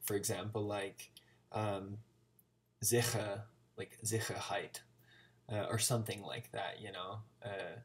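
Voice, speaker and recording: A man's voice: fairly low pitch, flat delivery, moderate pace. An American man talking casually in a vlog, chattily sounding out Arabic words as a learner. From United States. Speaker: language-learning vlogger.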